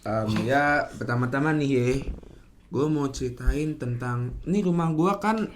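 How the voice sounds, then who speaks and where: Young male podcast guest, Jakarta accent, lisped R, slangy and halting casual storyteller. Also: mid-range voice, slight background noise. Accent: Jakarta Indonesian. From Indonesia, Jakarta. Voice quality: lisped R, cannot roll it. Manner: slangy, hesitant, rambling.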